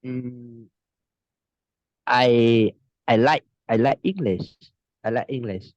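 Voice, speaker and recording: An Indonesian man, an online English teacher appearing as an interview guest, talks in a casual video-call interview. He speaks slowly and hesitantly, restarting sentences again and again and laughing often. His middle-pitched voice comes through dry and a little muffled, with no room sound.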